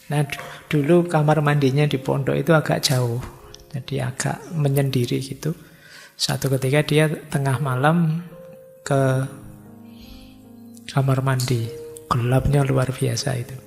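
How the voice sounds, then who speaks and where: A man's voice: medium pitch, fairly even intonation, a little slow, vocal fry, pauses often, darkish tone, soft background music. A middle-aged man giving a conversational philosophy lecture in a mosque hall, acting out the voices of students he quotes.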